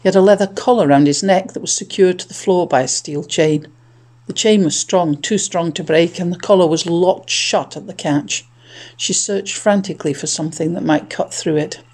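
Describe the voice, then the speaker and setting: A narrator reading a children's adventure story in a tense, measured way. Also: medium pitch, darkish tone. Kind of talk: audiobook narration.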